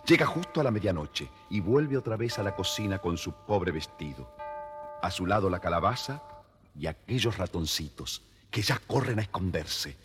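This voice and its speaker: Heard on a vintage story record with background music, a man narrates a scripted fairy tale with expression for a young audience, using a low-pitched voice, big pitch swings, and a moderate pace.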